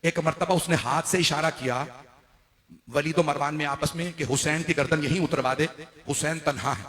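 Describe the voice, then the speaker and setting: A man delivering a mourning sermon as a dramatic story, his fairly high voice sharp and forceful. He speaks straight to the gathering and swells into loud, wailing calls. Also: fairly even intonation, normal speed, in a large hall. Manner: addresses the gathering directly. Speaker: preacher.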